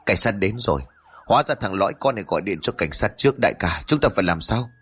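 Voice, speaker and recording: Crude young thugs talk in an eager, coarse way, played by a male narrator. The voice is fairly low, with lively swings. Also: fast, breathy edge. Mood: panicked.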